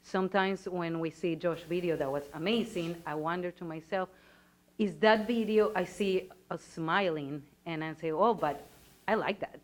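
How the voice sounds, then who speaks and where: Speaking at normal speed in a lowish voice, an audience member from Venezuela carefully constructs a lengthy question for the panel, laying it out earnestly piece by piece.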